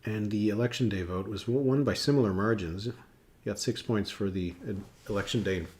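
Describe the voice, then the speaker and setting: With a low, darkish voice and a brisk delivery, a man runs a livestream analyzing the election. He's a political analyst who talks casually, full of fillers, musing aloud and responding to his viewers.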